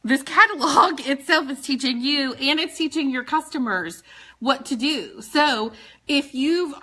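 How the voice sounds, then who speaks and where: A woman in her thirties from Maryland, speaking with a Southern accent, giving a chatty, animated training talk to her sales team and laughing often. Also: high voice, measured pace. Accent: Southern US, put on when talking fast. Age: 30s. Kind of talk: casual live training talk.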